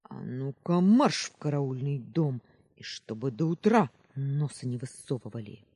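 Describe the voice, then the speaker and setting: Man doing a grumpy young guard, barked commands, husky dark voice, pitch swinging wide, slow and heavy. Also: expressive. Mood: shouting orders. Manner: barking military orders. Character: stern young male sentry, irritable, bossy.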